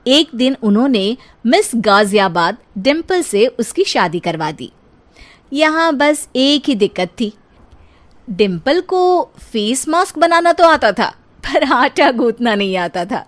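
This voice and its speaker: A woman's voice: a little high, big pitch swings, slow pace. A woman narrating a light comic story in a playful, scripted way.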